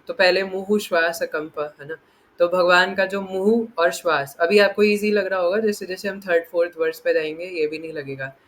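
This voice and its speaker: A man giving an animated scripture discourse, often asking "right?" and laughing as he explains. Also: high-pitched. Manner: animated, acts out quotes, frequent tag questions; playful, laughs while explaining. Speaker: spiritual teacher.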